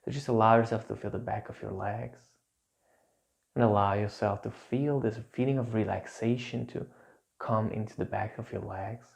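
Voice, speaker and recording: A man guiding a calm grounding exercise as an instructor, giving gentle, soothing, repetitive instructions with pauses. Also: fairly low pitch, vocal fry. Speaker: instructor leading a guided relaxation exercise.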